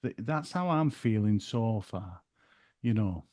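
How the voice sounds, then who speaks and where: A man hosting a podcast and chatting in a relaxed way with his guest. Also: lowish voice, slow pace, no echo, clean studio sound. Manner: relaxed, chatty, uses northern dialect words. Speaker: podcast host. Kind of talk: casual interview chat.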